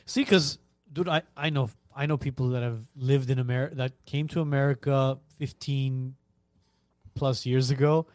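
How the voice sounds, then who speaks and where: A man's voice: mid-range voice, steady tone, normal speed, darkish tone, dry recording. A man hosting a podcast in casual chat, brash and swearing as he tells jokes. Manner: brash, swearing, joke-telling. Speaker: podcast host.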